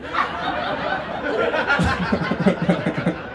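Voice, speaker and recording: With an extremely high, sing-song voice and a very slow delivery, a Brazilian-born stand-up in his thirties spins wry, foul-mouthed stories and banters with the crowd. The club audio is roomy and distant, punctuated by audience laughter.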